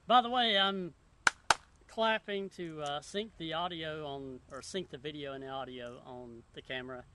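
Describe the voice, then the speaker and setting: A man hosting a casual chat outdoors, laid-back and chuckling, halting often with fillers. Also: fairly high pitch, heavy background noise. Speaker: podcast host.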